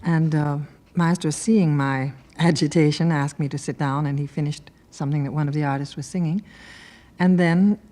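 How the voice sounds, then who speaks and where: A woman, an opera singer, gently recalling her first rehearsal, on an old radio broadcast. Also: low-pitched, fairly even intonation, normal speed. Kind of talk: storytelling reminiscence. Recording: 1960s radio broadcast transfer.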